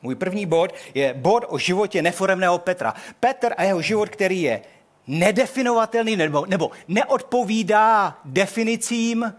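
An older man preaching a sermon in a hall, telling the story in an animated way and acting out the quotes. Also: high-pitched.

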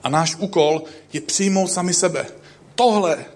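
A middle-aged man giving a sermon, telling jokey self-deprecating stories about himself and swinging between loud emphatic lines and quiet low asides. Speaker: preacher. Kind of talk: sermon with humorous personal stories.

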